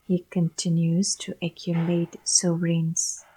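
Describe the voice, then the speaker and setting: Woman doing live interpreting of a sermon, slow and careful, breathy, low mellow voice. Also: completely flat delivery, low-quality recording. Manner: measured, short phrases with pauses between them.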